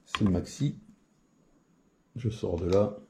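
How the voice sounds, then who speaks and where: A man's voice: sits low, slow, heavy background noise. A man giving a casual spoken tutorial on radio settings, hesitant, with many fillers and restarts. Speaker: CB radio hobbyist demonstrating settings.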